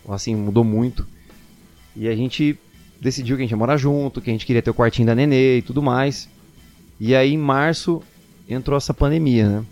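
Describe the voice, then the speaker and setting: A man's voice: mid-range voice, muffled recording. A young man, a singer telling a personal story casually and animatedly, acting out what people said. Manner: animated, quotes people in excited voices.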